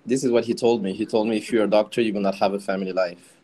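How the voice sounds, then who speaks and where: Low-voiced man from Senegal. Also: steady tone, rapid-fire, a crowd in the background. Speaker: guest engineer. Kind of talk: interview answers.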